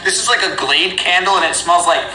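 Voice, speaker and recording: A young man hosting a vlog, talking casually and excitably to viewers and often calling them "guys". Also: high-pitched, brisk. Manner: repeatedly addresses viewers as "guys". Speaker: vlog host. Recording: echoey room with faint noise.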